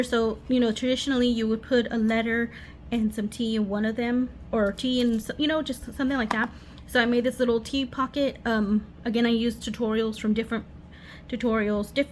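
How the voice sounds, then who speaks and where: A woman giving a casual, rambling craft show-and-tell in her living room over a running washing machine, often losing her thread and interrupting herself. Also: fairly high pitch. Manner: scattered, self-interrupting, giggly asides. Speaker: craft vlogger. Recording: washing machine noise in background.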